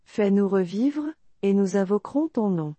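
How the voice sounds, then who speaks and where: A woman reading religious narration and scripture in a solemn, measured way. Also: mid-range voice, lively intonation, dark tone, no room sound.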